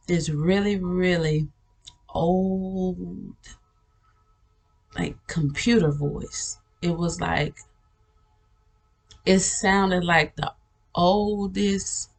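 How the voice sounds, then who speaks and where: A woman who hosts a spiritual channel describes a vision in an earnest, storytelling way that rambles casually, with many restarts and frequent laughter. Her voice is lowish and very slow, broken by long pauses.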